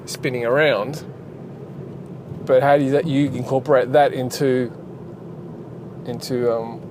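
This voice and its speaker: A man who develops games, chatting casually and rambling while driving, with lots of fillers and restarts. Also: medium pitch. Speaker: game developer and channel host. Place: inside a car while driving. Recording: road noise inside a moving car.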